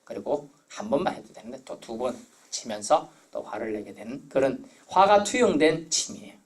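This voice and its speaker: A man's voice: medium pitch, big pitch swings, normal speed. A middle-aged man preaching a sermon as pastor, telling stories in a conversational way. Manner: storytelling, conversational preaching with anecdotes.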